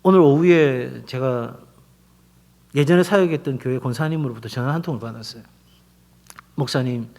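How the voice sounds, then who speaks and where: A middle-aged man preaching as senior pastor of his church, telling stories and acting out the quoted voices. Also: mid-range voice. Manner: animated storytelling, acts out quoted voices. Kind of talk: sermon.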